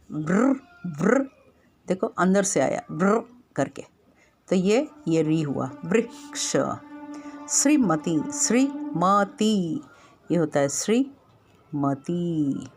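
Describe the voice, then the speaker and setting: A woman teacher giving a grammar lesson to children, slowly sounding out and repeating each syllable of every word. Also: lowish voice, very animated, husky, soft background music.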